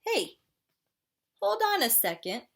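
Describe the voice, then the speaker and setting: A woman plays a little boy penguin from a picture book, high-voiced and swooping. He is polite but flustered, his slow speech broken by gasping hiccups, and he appeals to children like an expressive kids show host. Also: vocal fry, full character voice. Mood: indignant, excited. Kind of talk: animated children's storybook read-aloud.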